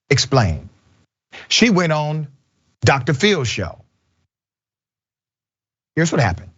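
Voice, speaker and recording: Male commentary host, mid-pitched voice, presenting and judging clips on a slightly lo-fi recording.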